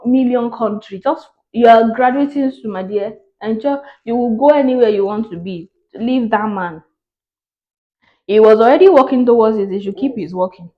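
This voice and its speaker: A woman's voice: mid-range voice, highs cut off. Sassy Nigerian woman giving relationship advice. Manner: sassy, outspoken, quick to laugh. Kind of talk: reading a viewer's story aloud and reacting.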